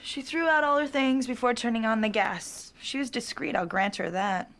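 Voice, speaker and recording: An actress playing a sharp-tongued, sardonic blind woman who teases with dry, biting humor. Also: a little high, moderate pace. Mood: wry. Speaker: film character, blind sister.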